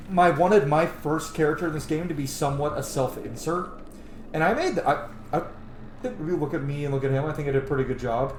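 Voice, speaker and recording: With a slightly high, somewhat mellow voice, the streamer keeps up his meandering, foul-mouthed, self-joking commentary as he plays. Echo and clear background noise fill the recording.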